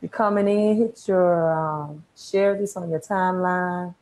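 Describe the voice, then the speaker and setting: Speaking in a lowish, a little mellow voice at a measured pace and with fairly even intonation, this credit repair coach from Mississippi is in her thirties. She streams live from a small room in her home, coaching informally in a Southern Mississippi accent, repeating words to stress them and often asking "right?"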